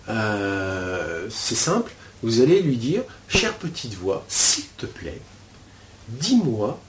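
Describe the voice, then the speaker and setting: A man's voice: mid-range voice, darkish tone, a little hiss or hum. A man talking a listener through a guided inner exercise, rambling and hesitant, full of fillers and restarts. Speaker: spiritual teacher. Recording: echoey room with faint ambience.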